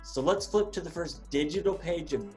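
Male podcast host on a video call, friendly and scripted, light music bed, voice on the high side. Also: moderate pace, darkish tone. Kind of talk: interview hosting.

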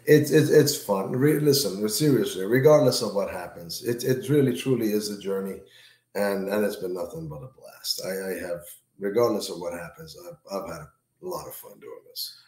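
A man, an author, chatting casually in an interview, relaxed and full of fillers and repeated words. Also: low-pitched, normal speed, reverberant. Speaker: author guest.

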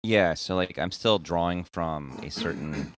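A man's voice: low voice, a little slow. A man hosting a casual podcast discussion, rambling and searching for words with frequent restarts. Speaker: podcast host.

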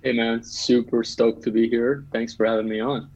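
A man's voice: mid-range voice, little pitch movement, normal speed, a little mellow, no echo, muffled recording. A man, talking eagerly as a podcast guest, with lots of um and uh. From Bangladesh. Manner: upbeat, talkative, with frequent um and uh. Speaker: guest entrepreneur. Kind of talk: casual podcast chat.

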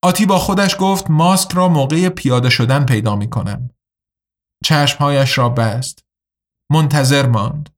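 A man reading a science fiction story aloud as a steady, measured narrator. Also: a little high. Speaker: audiobook narrator. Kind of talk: scripted narration of a sci-fi story.

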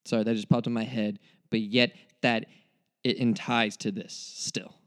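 A man's voice: on the low side, little pitch movement, measured pace. A young man giving a casual spoken movie review, rambling and cutting himself off, with mock-dramatic despair.

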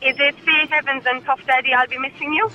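A woman's voice: high-pitched, fairly even intonation, a little fast, highs cut off. An Irish woman calling in by phone from a parked car, her voice coming through a windy, tunnel-like line as she gives short, upbeat answers. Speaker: phone-in caller. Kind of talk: casual chat on air.

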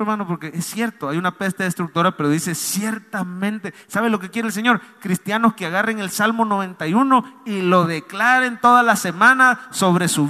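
A man's voice: sits high, bright, forceful tone. Man, pastor sermon, call-and-response, reverberant hall. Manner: preaching with call-and-response, pleading and emphatic.

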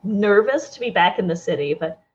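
A woman narrating as game master of a tabletop game, playful and quick to laugh. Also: medium pitch, expressive, a little mellow, dull audio.

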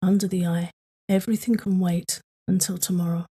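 A woman leading a guided tapping meditation for sleep, speaking in slow, soothing, repetitive prompts. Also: lowish voice, flat delivery, warm tone, husky.

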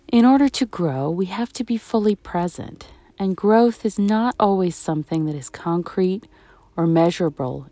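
Female meditation guide, soft and soothing, lowish pitch, very slow measured delivery. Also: no echo. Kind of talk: guided meditation, reflective talk.

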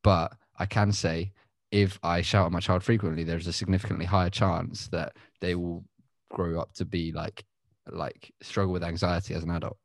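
Deep-voiced guy on a podcast, explaining stuff slowly with loads of fillers, dry sound. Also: flat delivery, creaky, no room sound. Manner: explains at length, with many fillers. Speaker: podcast co-host. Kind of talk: casual group chat.

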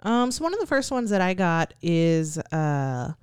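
Smooth-voiced woman co-host, dry sound. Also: fairly low pitch, a little slow, dry recording. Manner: relaxed and wry, short agreeing replies. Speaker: podcast co-host. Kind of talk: casual chat reviewing a TV episode.

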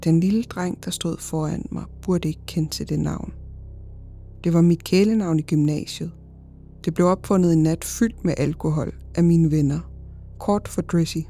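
A woman hosting a podcast, reading a horror story in a measured, even storytelling manner. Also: on the low side, faint music behind. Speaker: podcast host and narrator. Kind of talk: scripted horror story narration.

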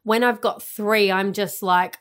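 A woman's voice: mid-range voice, steady tone, a little slow, clean tone. A woman, co-hosting a casual chat, rambling through stories and laughing often. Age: 30s. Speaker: podcast co-host.

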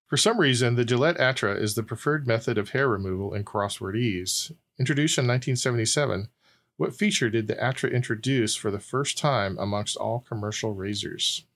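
A man's voice: mid-range voice, brisk, fairly bright tone. A man with an ordinary mid-range voice hosts a laid-back quiz among friends. He reads each question out and keeps slipping into laughter along the way. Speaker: quiz host. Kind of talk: casual podcast quiz hosting.

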